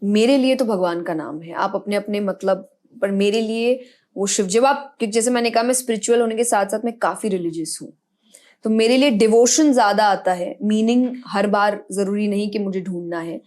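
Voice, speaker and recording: Young woman guest, spiritual speaker; calm, earnest explainer, mid pitch. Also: moderate pace. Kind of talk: podcast interview answers.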